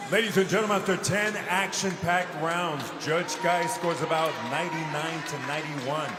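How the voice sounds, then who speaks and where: A man working as a bilingual boxing ring announcer, with a drawn-out, booming lucha libre-style delivery over an arena PA. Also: steady tone. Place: large indoor arena over PA. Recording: echoey loud arena, crowd noise. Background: loud crowd and noise.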